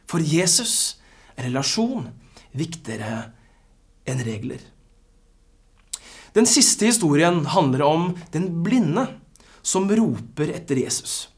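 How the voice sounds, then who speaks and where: A preacher delivering a sermon with a husky voice, swinging dynamics and phrases that fall to near-whispers. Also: medium pitch.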